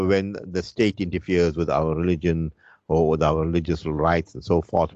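A very low-voiced man hosts a talk show in a Durban Indian accent. He speaks in a halting, rhetorical way, and the dry sound is dull and lo-fi. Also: a little mellow. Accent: South African Indian, Durban. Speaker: radio talk show host. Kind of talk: conversational radio hosting. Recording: dull, roomy radio sound.

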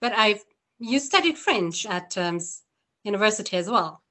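A woman's voice: mid-range voice, animated, moderate pace, pushed and bright. Give me a curious woman interviewer from South Africa. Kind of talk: conversational interview.

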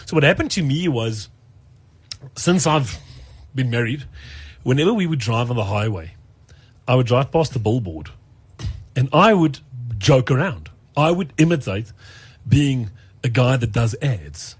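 A man with a slightly husky voice tells a personal story in relaxed conversation. He is an animated storyteller who acts out other people's lines and often restarts his sentences. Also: medium pitch, a little slow, pauses often. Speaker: radio presenter and podcast host. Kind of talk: storytelling in casual talk.

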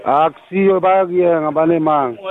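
A man's voice: on the high side, normal speed. Tinny phone voice, protesting South African man. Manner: protesting, defensive. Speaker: prank call victim. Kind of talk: phone conversation. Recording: thin, tinny phone line.

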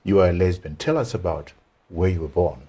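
A man's voice: deep voice, a little fast, warm tone, slightly rough. A man hosting an interview, attentive and murmuring agreement while his guest speaks. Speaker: interview host. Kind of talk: casual interview.

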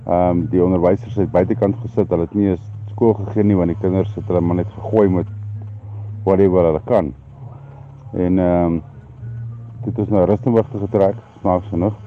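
Over a phone line, a middle-aged South African man with an Afrikaans accent gives a halting, plain-spoken account as a radio caller. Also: sits low, steady tone, slight background noise. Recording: narrow tinny phone line.

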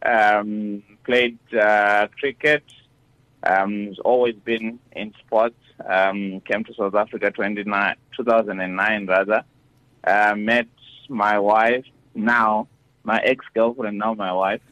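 Brief: Zimbabwean man in his thirties, low voice, easygoing and a little hesitant, dry studio sound. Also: takes it slowly, no room sound, poor audio. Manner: relaxed and good-humoured, with some hesitation. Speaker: married guest. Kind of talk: casual radio interview.

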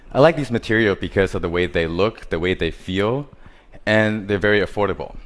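A man from Taiwan, giving a prepared stage talk about his art in simple, listing phrases with grammar. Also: low voice.

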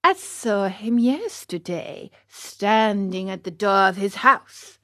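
Woman as a slow-talking sly storybook fox. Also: medium pitch, expressive, fairly bright tone, dry recording. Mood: solemn. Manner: slow, drawn-out, ingratiating. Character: sly, courteous male lame fox, a smooth swindler.

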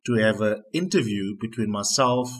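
A man with a South African accent, a native Afrikaans speaker, interviewing in a measured, articulate and deliberate way with a husky voice. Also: lowish voice, lively intonation. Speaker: broadcaster, interviewer. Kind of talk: interview questioning.

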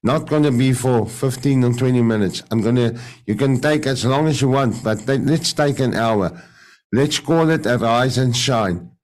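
On a rough recording from a video call, a man with a mid-range, darkish voice and an Afrikaans accent offers a faith testimony. Afrikaans is his first language; the radio presenter often halts to search for English words and restarts again and again.

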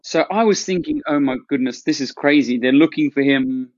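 A man's voice: a little high, moderate pace, no echo, muffled recording. A man interviewing a guest, talking casually and reflectively with small restarts. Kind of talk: casual chat.

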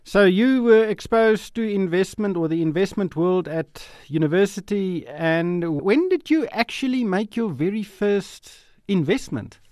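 A South African man hosting a podcast, asking questions in a lively way with a voice that rises and falls a lot. He is a little higher-pitched than most men. The sound is dry and close, with almost no room echo. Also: unhurried, few pauses. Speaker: podcast host. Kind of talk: interviewing a guest.

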